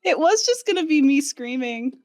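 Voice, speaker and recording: A woman player at a tabletop game, animated and giggly, chatting casually. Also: high-pitched, moderate pace, no echo, faint music behind. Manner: giggly, animated, breaks into laughter.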